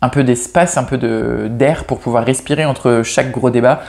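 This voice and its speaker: Speaking at a normal speed, he has a medium-pitched, steady, darkish voice with vocal fry. As a book reviewer chatting casually about novels, he's hesitant and self-mocking, repeatedly restarting and self-correcting.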